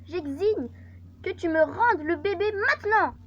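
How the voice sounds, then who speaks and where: A woman's voice: extremely high pitch, expressive, a little slow, a bit bright, pitched above the performer's own voice, full character voice. A woman reading out the lines of an angry ex-wife demanding her baby back, in a muffled lo-fi recording. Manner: insistent, reads game dialogue aloud.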